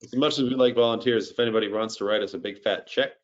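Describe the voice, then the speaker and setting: A man's voice: fairly low pitch, quick pace. A man co-hosting a webinar over a video call, asking questions and making wry, joking asides. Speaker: co-host. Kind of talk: casual webinar chat. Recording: dull lo-fi webinar audio.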